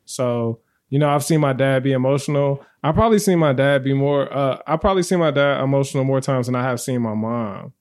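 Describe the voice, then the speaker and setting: A man's voice: mid-range voice, steady tone, brisk, darkish tone. A man hosting a relationship podcast in casual chat, leading the topic in an easygoing way and laughing often. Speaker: podcast host.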